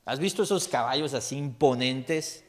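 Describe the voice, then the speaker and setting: A man's voice: mid-range voice, normal speed. A man with a Mexican accent, a pastor giving a casual, joking sermon full of stories and rhetorical questions. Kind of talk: conversational sermon.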